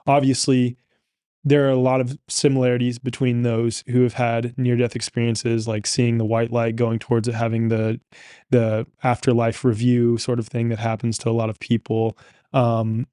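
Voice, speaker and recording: A man's voice: medium pitch, dark tone, no room sound, clean studio sound. A man hosting a podcast interview, explaining his ideas in a reflective, expansive way. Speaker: podcast host. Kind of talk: conversational interview.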